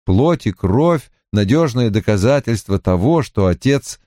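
Lively expressive male audiobook narrator. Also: mid-range voice, a little slow, no echo, studio quality.

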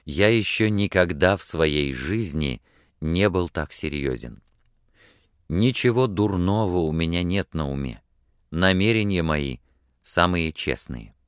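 A man doing a rough earnest suitor. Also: low voice, animated, no echo, studio quality. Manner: halting, earnest pleading.

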